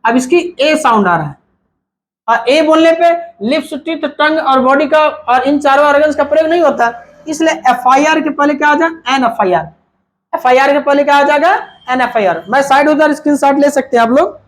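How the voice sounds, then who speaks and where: A man's voice: extremely high pitch, normal speed. A male teacher giving a whiteboard grammar lesson, asking and answering his own questions and mixing Hindi with English terms.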